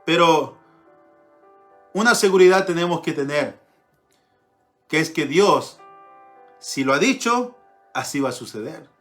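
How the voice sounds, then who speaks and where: A man's voice: fairly high pitch, expressive, measured pace, pauses often, fairly bright tone, soft background music. A man preaching a sermon, earnest, repeating phrases for emphasis and reading scripture aloud.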